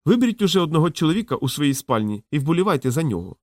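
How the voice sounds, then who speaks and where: A man voicing a quick-witted young male thief who talks fast and glibly, in an audiobook. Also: a little high, big pitch swings, darkish tone, dry recording, studio quality, pitched above the performer's own voice. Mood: urgent, placating. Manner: quick, glib, exclamatory.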